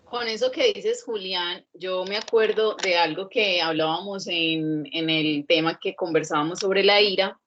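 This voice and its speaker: Woman moderator, low voice, reads viewer questions, lo-fi online sound. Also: measured pace, few pauses, noisy background. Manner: friendly, reads audience questions aloud. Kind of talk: moderating a live online dialogue. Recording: muffled lo-fi online audio.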